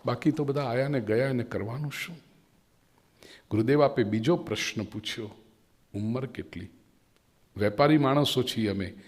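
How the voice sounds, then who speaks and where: A man playing a calm old merchant in his sixties. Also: medium pitch, lightly acted. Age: 60s. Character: humble wealthy old merchant, calm and wise. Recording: long reverb of a large hall.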